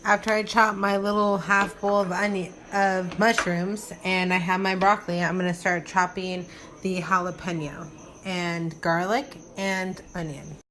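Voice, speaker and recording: A woman's voice: fairly low pitch, flat delivery, measured pace, a bit bright. A woman giving an informal, step-by-step cooking narration in the style of a casual home vlog. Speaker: home cook presenting a recipe. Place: home kitchen. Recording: noisy kitchen with frying sizzle. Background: food frying and sizzling.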